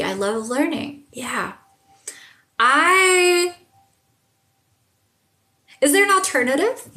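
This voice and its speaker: A woman's voice: on the high side, fairly bright tone, a little hiss or hum. Gushing young woman giving a live reading. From Germany. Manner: gushing and effusive, calls viewers babe. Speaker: tarot and astrology reader. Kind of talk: casual live reading for viewers.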